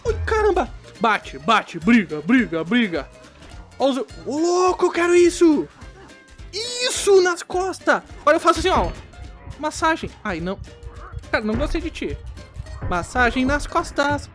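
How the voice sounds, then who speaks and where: A woman giving casual, excitable gameplay commentary as a gaming YouTuber, playfully talking back to the characters on screen. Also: high-pitched, unhurried, soft background music.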